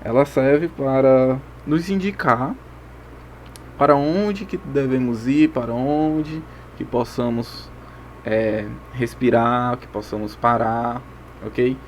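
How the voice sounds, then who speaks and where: Brazilian teacher, frequent "ok?" checks. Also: male voice, medium pitch, takes it slowly, a little hiss or hum. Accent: Brazilian Portuguese. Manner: explanatory, checks in with frequent "ok?" and "tá certo?". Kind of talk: recorded video lesson.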